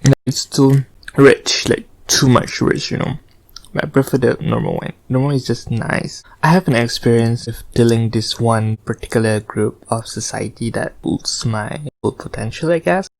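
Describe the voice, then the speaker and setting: A man's voice: medium pitch, moderate pace, gravelly, darkish tone, no echo, low-quality recording. A man chatting casually and hesitantly as host of an eating show, sharing opinions and stories between bites of cookies. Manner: informal, hesitant, opinionated storytelling; eats cookies between remarks. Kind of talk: casual rambling mukbang chat to viewers.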